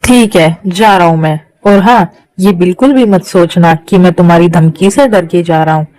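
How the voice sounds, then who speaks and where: A woman's voice: on the low side, normal speed, darkish tone, no room sound, close to an everyday voice. A woman voicing a possessive, menacing young man in a Hindi fan-dub drama, commanding and controlling. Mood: cold.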